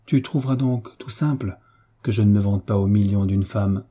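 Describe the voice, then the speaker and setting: A pleasure-loving young aristocrat refuses his mother gently but firmly, as read by a male narrator. His voice is very dark and mellow, with a husky edge. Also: on the low side, normal speed. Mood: defiant. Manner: calm, tender, quietly defiant. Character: carefree young nobleman, gentle but firm son.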